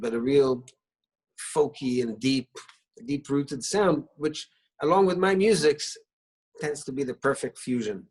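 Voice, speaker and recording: The recording sounds rough. Over a video call from his living room, a mid-voiced, middle-aged man born in Israel, whose first language is Hebrew, appears as a singer-songwriter guest and tells warm, halting stories packed with restarts and fillers.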